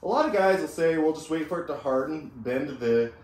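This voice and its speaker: A man's voice: fairly high pitch, lively intonation, a little fast, echoey room. A man in his thirties talking casually through a hands-on repair tutorial, joking at his own expense. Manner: self-deprecating, joking. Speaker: DIY car restoration host. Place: home garage, indoors. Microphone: camera a few feet away. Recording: noisy garage ambience.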